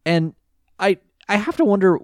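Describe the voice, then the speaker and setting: An easygoing man co-hosting a relaxed podcast chat. He laughs often, and his pitch rises and falls freely as he talks. His voice is dry and close, with no room sound. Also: normal speed, no room sound. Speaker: podcast co-host.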